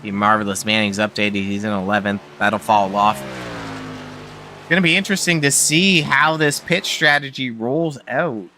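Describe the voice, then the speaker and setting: A Canadian man calling an online truck race as lead commentator, relaxed and chatty. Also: fairly low pitch, normal speed, background noise. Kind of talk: sim racing commentary.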